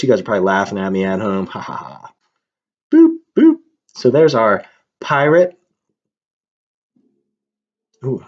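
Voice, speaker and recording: A man teaching young children, talking to them in an upbeat way while he draws. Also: medium pitch. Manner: upbeat, talks to kids while drawing. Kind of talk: reading a storybook and teaching a lesson. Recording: dull lo-fi sound.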